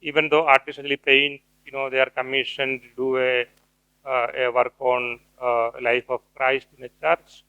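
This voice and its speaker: A middle-aged man giving an academic lecture, pausing often with fillers and restarts. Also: mid-range voice, flat delivery, sharp tone, clear, resonant tone, dry recording, lo-fi sound. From India. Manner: hesitant, many fillers and restarts. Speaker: guest speaker, cultural theorist.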